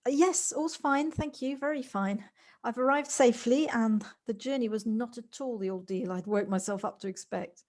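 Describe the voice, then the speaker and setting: In an audio play, a woman acts as an anxious, polite newcomer to the countryside, speaking in hesitant, formal, wordy sentences with a fond, hesitant mood. Her natural voice is on the high side and a little mellow, at a moderate pace. It's a noisy home recording made on a personal device.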